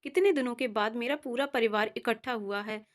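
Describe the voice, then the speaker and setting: A woman voicing an elderly, ailing mother who speaks softly and coaxes her daughter, in a storybook reading. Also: fairly high pitch, a little fast, close to an everyday voice. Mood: gentle.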